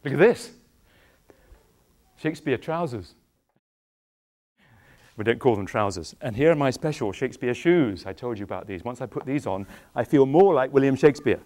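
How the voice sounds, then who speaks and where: A man's voice: mid-range voice, normal speed, pauses often. Middle-aged english guy doing a kids show, playful, keeps asking the kids stuff, lapel mic. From England. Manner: animated, questioning, playful with the audience. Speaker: actor performing for children. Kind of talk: interactive children's show. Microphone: clip-on microphone.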